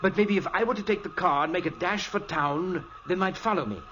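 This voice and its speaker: An actor playing an anxious, earnest scientist professor in a 1940s radio drama. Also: male voice, high voice, brisk, a bit bright. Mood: grim. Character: anxious scientist professor, middle-aged man. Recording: old radio recording with hiss.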